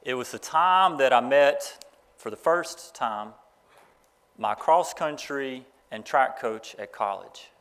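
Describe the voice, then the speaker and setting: A man's voice: medium pitch, lively intonation, a bit bright, clear, resonant tone. A man giving a graduation address, telling stories in a folksy way and reading from the Bible. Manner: folksy storytelling, speeding up and slowing down. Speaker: graduation speaker.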